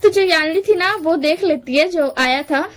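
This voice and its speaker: High-voiced woman retelling a story. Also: moderate pace. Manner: chatty, animated, acts out lines. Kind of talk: casual retelling of a fan story.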